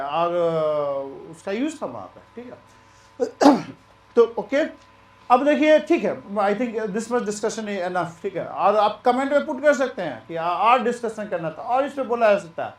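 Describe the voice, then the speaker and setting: A man teaching maths in a relaxed, chatty way, mixing Hindi and English and repeating himself. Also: high-pitched, a little slow, echoey room. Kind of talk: lecture.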